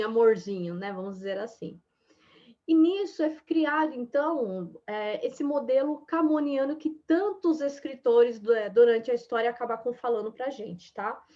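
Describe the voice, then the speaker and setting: Lady teacher, kinda high voice, keeps going "tá?" "né?", dull lo-fi audio. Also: a little mellow. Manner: chatty, many fillers like "tá" and "né". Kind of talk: explaining a lesson casually. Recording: dull lo-fi sound.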